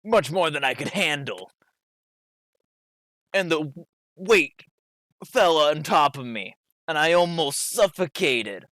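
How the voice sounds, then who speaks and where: A man plays a proud gym bro monk in a tabletop game. He speaks slowly and emphatically, with lively swings in pitch, as a dim dude who worships muscle. The sound is close and dry. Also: no echo, rough recording. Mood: earnest, reminiscing. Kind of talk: in-character tabletop role-play.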